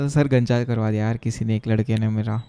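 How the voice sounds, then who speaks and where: A man's voice: on the low side, warm tone, smooth. A young man from Chennai chatting casually on a coding live stream, joking with viewers and mixing Hindi with English tech terms. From Chennai, India. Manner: chatty and joking, reading viewer chat aloud and answering it.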